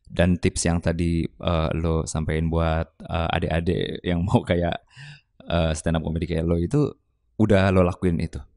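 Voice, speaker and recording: A man with hosting a podcast, chatty and teasing, reacting with quick comments. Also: sits low, little pitch movement, darkish tone, no echo, studio quality. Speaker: podcast host. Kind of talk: casual podcast chat.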